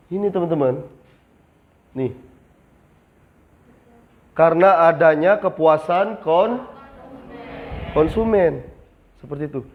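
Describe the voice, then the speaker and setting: A man's voice: high voice, a little hiss or hum. A young man training new retail staff in a classroom, asking the class questions and answering them himself. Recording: slightly dull lo-fi sound.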